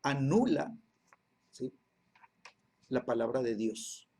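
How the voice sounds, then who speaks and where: A man's voice: medium pitch, animated, takes it slowly, mellow, husky. A man teaching a Bible class, repeating phrases and checking in with his listeners after nearly every line. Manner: constant "¿sí?" and "¿verdad?" check-ins, repeats phrases.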